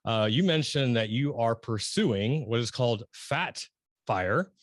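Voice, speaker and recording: A middle-aged man hosting an interview, talking casually and rambling with many restarts and excited emphasis. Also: medium pitch, a little slow, no echo, studio quality. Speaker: podcast host interviewing a guest.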